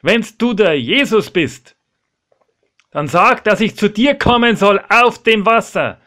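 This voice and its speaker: A man voicing the fisherman Peter in a retold Bible story, loud, blunt and mocking. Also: on the high side, big pitch swings, measured pace, heavily acted. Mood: scoffing. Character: bold gruff fisherman Peter, middle-aged man.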